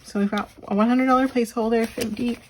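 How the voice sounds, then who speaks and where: A woman hosting a budgeting vlog, counting bills aloud and thinking out loud while losing her voice. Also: on the high side, steady tone, quick pace, slight background noise, low-quality recording. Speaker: budgeting channel host. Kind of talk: casual counting-along vlog.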